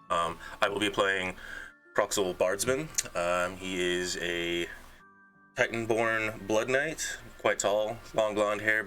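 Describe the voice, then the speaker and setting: A man with a very deep yet bright voice talks casually as a tabletop player. He teases his friends and stops to think with ums. Soft music runs underneath. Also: poor audio. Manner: teasing, hesitant with ums. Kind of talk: casual tabletop game chat.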